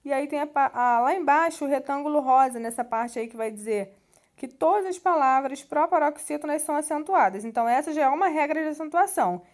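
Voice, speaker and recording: High-voiced Brazilian woman teaching. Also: animated, brisk. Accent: Brazilian Portuguese. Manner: patient, explanatory, with frequent "né" tags and restarts. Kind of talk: classroom lesson walking through a textbook.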